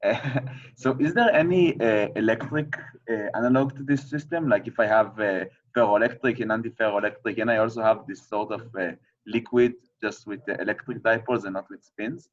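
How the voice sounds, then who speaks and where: A man with a low voice asks a tentative, casual question during an online lecture. He sits well back from his microphone, and the call audio comes through dull. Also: brisk, distant mic. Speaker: audience member asking a question.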